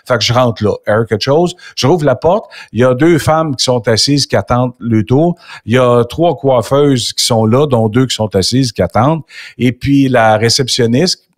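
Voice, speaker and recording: A man's voice: medium pitch, normal speed. An older man with a Québécois accent hosting an interview, telling a personal anecdote with lots of quoted dialogue. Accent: Québécois French. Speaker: interview host. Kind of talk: casual storytelling interview.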